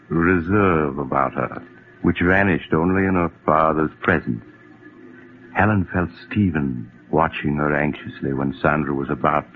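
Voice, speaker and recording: Deep-voiced old-radio narrator, man. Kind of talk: scripted narration, 1940s radio. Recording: tinny old radio with music behind.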